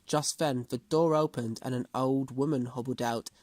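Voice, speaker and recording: A man's voice: medium pitch, fairly even intonation, moderate pace, a little mellow, no room sound. A man reading a children's storybook aloud as a storyteller.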